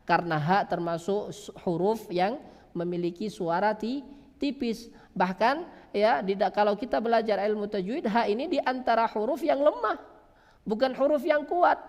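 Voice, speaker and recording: Male recitation teacher, high voice, slow and deliberate, answers his own questions, reverberant hall. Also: darkish tone. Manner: asks questions and answers them himself; drawn-out sound demonstrations. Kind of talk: religious lesson on pronunciation.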